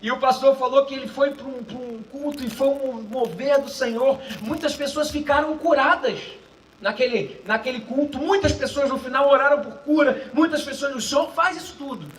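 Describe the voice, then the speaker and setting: A man pastor preaching a sermon in a cinema hall, swinging between shouted lines and quiet asides. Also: very high voice, normal speed, distant mic, a little hiss or hum. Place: cinema auditorium used for a church service.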